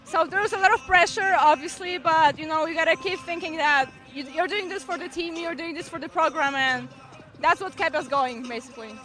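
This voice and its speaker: A woman's voice: very high voice, fairly quick, sharp tone, low-quality recording. A young woman athlete answering in a post-game interview, conversational and a little hesitant. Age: young adult.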